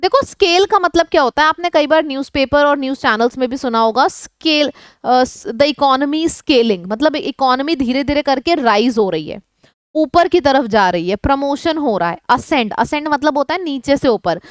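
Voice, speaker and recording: A woman's voice: high-pitched, animated, normal speed, no echo, studio quality. A woman teaching English vocabulary in Hindi for an online exam class. She speaks with an Indian accent, mixes Hindi and English, asks the class questions, and repeats lists of synonyms. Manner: switches between Hindi and English.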